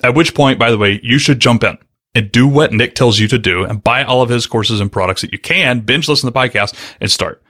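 A man's voice: medium pitch, fairly bright tone. A man hosting a casual podcast interview, chatty and joking as he asks his questions. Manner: joking, chatty, fast-talking. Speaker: podcast host.

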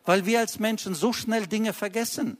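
A man's voice: sits high, steady tone, normal speed. A man preaching a sermon in an earnest, admonishing way, stressing short blunt phrases. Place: church service.

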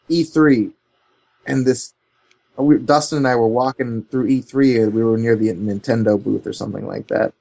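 A man of middle pitch chats as an interview guest, rambling through animated anecdotes and padding every phrase with "like" and "you know". His voice comes through a slightly dull, lo-fi recording. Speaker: guest, co-founder of a controller company. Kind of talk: casual interview chat.

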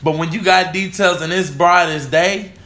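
A man's voice: sits high, fairly even intonation, normal speed, sharp tone. A man in casual podcast chat, telling stories in an emphatic, rambling way. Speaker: podcast co-host. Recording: echoey room.

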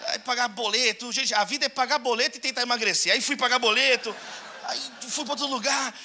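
A middle-aged man with a Brazilian Portuguese accent, a pastor preaching a lively sermon full of humorous stories and calls to the congregation. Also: very high-pitched, a little fast, a little hiss or hum. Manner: animated, storytelling, calls out to the congregation.

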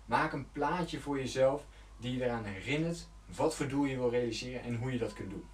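A man talks viewers through goal-setting like a coach, earnest and direct, correcting himself and filling pauses as he goes. He stands back from the mic, and the room around him rings. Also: mid-range voice, reverberant, distant mic. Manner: loose and conversational, with fillers and self-corrections. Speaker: self-help coach. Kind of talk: motivational talk to camera.

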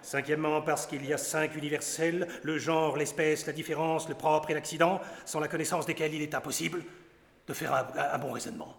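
A man's voice: fairly high pitch, flat delivery, brisk, gravelly. An actor playing a pompous, boastful male doctor who lectures, counts out his points and shows off Latin, in stage acting of a classic comedy. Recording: echoey hall with long reverb.

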